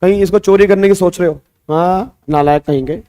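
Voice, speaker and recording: A man with an Indian accent teaching tax law in a lively online class, teasing his students and asking them questions. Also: high-pitched, fairly quick, clear, resonant tone.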